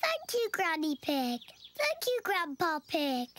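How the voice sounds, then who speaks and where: A woman voicing a cheerful, bossy little girl piglet in a children's cartoon, talking in a bright sing-song way with lots of giggles. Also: very high-pitched, huge pitch swings, slow, slight background noise, heavily acted. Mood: excited. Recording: theme music behind the voice.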